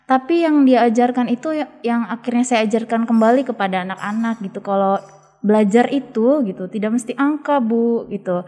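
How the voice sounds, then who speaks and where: A woman's voice: on the high side, a little fast, dark tone. A woman teacher as a podcast guest, jokey and cheerful, telling stories in a chatty way. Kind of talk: casual podcast chat. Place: school podcast room. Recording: long room reverb.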